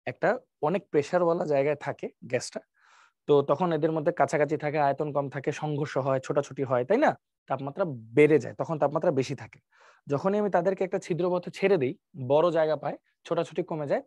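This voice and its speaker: A man's voice: a little high, darkish tone, dry recording, studio quality. A male chemistry teacher, giving an exam-prep lecture and explaining step by step by asking and answering his own questions, with English terms mixed in. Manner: mixes English terms into colloquial Bengali.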